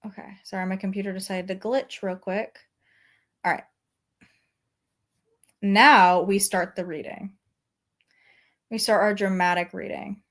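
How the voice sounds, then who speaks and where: A woman's voice: medium pitch, fairly even intonation, measured pace, long pauses, fairly bright tone. A young woman reading fan fiction aloud in a mock-dramatic way, breaking off with wry asides and frequent laughter. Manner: laughs often through the text, wry asides.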